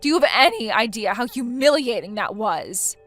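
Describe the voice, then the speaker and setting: A woman's voice: fairly high pitch, sing-song, normal speed, fairly bright tone, faint music behind. A synthetic woman voicing a whiny, defensive wife. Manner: whiny, hesitant. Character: defensive, self-pitying young wife.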